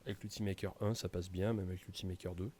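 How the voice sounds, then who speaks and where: Man, low mellow voice, casual tutorial, lots of ums. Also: level tone, fast, a little hiss or hum. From France. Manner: casual, many hesitations and fillers. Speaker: tutorial presenter. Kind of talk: screen-recorded software tutorial.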